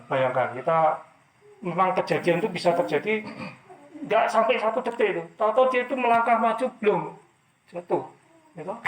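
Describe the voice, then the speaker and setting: A man preaching and telling a personal testimony in a loose, repetitive way. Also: high-pitched. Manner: loose, repetitive talk with many fillers. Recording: echoey room.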